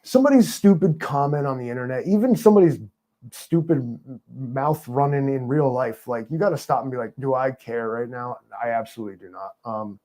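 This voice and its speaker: A man talks as an interview guest, loose and rambling, full of fillers and sarcastic jokes. His voice is mellow and dark, sitting at an ordinary pitch for a man. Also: expressive, brisk. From New York. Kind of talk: casual interview chat.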